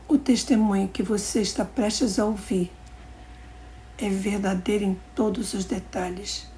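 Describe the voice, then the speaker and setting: A woman with a dark, mellow tone and a gravelly edge reads a religious testimony aloud. Her delivery is calm and measured, and it drops into soft, hushed passages at points. A faint hiss sits under the voice. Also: medium pitch. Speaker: narrator of a religious channel.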